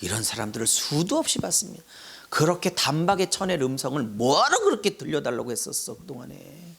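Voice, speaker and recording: A middle-aged male pastor preaching an expository sermon. He moves between loud calls and hushed asides. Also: on the high side, big pitch swings, a little fast, vocal fry, slightly rough.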